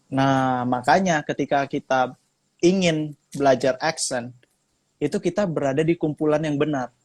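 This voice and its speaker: A young man talking as a podcast guest, relaxed and joking as he refers to himself as big brother. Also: fairly high pitch, normal speed. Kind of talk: casual podcast chat.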